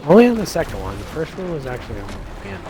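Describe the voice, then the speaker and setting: A man's voice: mid-range voice, noisy background. A man chatting casually while streaming a video game with friends, crude and teasing, swearing at enemies. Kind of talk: casual gaming chat. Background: game music.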